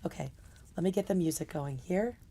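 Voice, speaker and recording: Brief: young woman streamer, casual rambling chat, voice pitched a bit low. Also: brisk, warm tone, husky. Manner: loose, rambling delivery. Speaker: livestream host.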